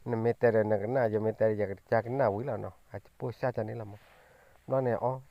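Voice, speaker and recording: A man's voice: fairly low pitch, level tone, drawn-out words, dry recording. A man telling a story in a loose, rambling way, full of fillers, on a dull lo-fi recording. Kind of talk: casual storytelling.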